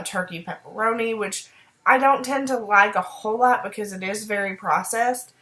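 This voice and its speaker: A woman chatting upbeat in a casual video diary, fighting off a cold and clearing her throat now and then, with frequent ums. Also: mid-range voice, fairly bright tone. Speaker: video diarist. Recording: roomy echo.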